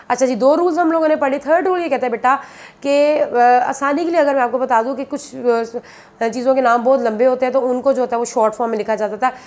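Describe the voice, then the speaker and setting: A woman with a high-pitched, slightly mellow voice delivers a biology classroom lecture. She explains every point patiently and more than once, often calling her students "beta."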